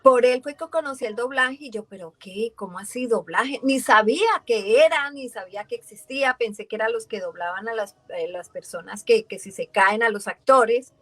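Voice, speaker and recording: A voice actress from Valle del Cauca in Colombia with a Colombian accent, chatting in an interview and telling her story in a lively way, acting out the voices she quotes. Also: fairly high pitch, normal speed, few pauses, dry recording. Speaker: voice actress guest. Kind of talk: casual interview chat.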